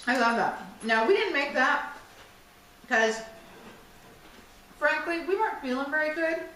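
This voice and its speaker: Casual woman craft co-host, jokey, distant camera mic in a boomy room. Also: expressive, unhurried, bright, forceful tone. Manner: joking, chatty, self-mocking. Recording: echoey room, distant mic, faint hiss.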